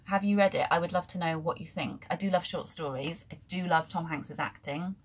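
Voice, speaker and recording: Woman, lowish voice, chatty and rambling, book vlog at home. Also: steady tone, a little fast, a little hiss or hum. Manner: chatty, rambling asides with many ums. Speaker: book vlogger. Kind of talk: casual book haul chat. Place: room full of books at home.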